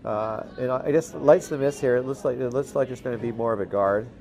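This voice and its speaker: A man calling a curling game as commentator, relaxed and halting, with lots of fillers and restarts and the odd dry aside. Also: mid-range voice, gravelly. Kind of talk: play-by-play commentary.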